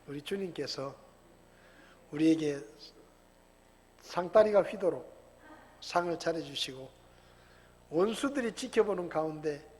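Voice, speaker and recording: A man from Chungcheong preaching a sermon as pastor, earnest and exhorting. His voice is high and slightly husky. A long reverb from the church sanctuary trails each phrase. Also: expressive, a little slow, long pauses, darkish tone. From Chungcheong, Korea. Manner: earnest, exhorting, swells and drops in volume.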